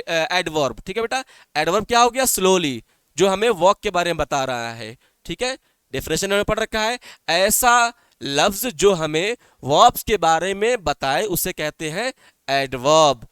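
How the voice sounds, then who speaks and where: A man's voice: high voice, fairly bright tone, clean tone, dry recording, studio quality. A male teacher giving an online class, explaining in Hindi-Urdu, often repeating points and asking his students questions. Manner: calls students "beta". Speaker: English teacher.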